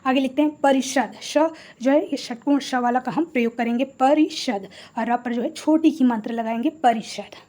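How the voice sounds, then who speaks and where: A woman's voice: high voice, normal speed, darkish tone. A woman teaching a Hindi grammar lesson, patiently spelling out each word and asking rhetorical questions.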